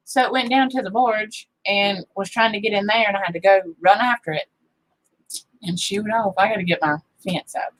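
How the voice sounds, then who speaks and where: A woman's voice: medium pitch, a little fast, a bit bright, a little hiss or hum, low-quality recording. A woman co-hosting a casual farm livestream, chatting in a rambling way that drifts into tangents. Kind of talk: casual chat. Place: farm home.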